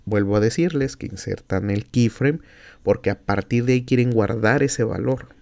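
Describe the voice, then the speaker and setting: A man with a Mexican Spanish accent teaching a software tutorial as a university instructor, explaining each step aloud with fillers and self-corrections. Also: mid-range voice, moderate pace, gravelly. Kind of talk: screen-recorded software tutorial.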